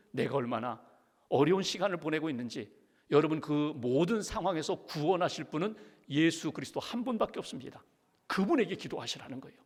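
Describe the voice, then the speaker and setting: A middle-aged man, a pastor, preaching a sermon with earnest conviction, at times pleading in prayer. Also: a little high. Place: large church sanctuary. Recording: church hall reverb.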